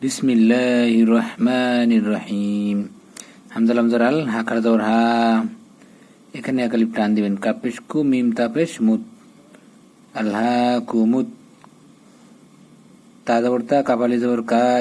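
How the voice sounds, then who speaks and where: Man teaching Quran reading, slow and mellow. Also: medium pitch, little pitch movement, rough recording. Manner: spells letter by letter, then slowly intones the joined words. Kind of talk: spelling out and reciting Arabic verses.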